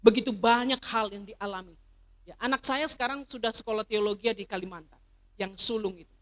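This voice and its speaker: Bright-voiced woman preaching a sermon. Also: medium pitch, fairly quick. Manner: emphatic, rising to loud proclamations then dropping to soft personal stories. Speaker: pastor. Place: church service.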